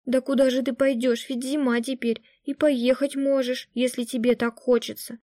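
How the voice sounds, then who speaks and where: A woman reading aloud puts on a bewildered middle-aged mother who pleads plaintively, close to tears. Her voice rises well above the reader's own and stays mellow. The sound is dry and close. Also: high voice, flat delivery, moderate pace, no room sound, voice pushed up, close to an everyday voice. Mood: pleading. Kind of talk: audiobook reading.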